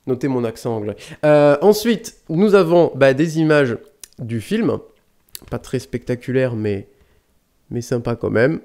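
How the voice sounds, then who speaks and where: A man's voice: medium pitch, animated, unhurried, a little mellow. A man hosting a casual unboxing vlog, rambling and chatty, swearing lightly and often correcting himself as he talks into a close desk mic. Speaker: YouTube DVD collector host.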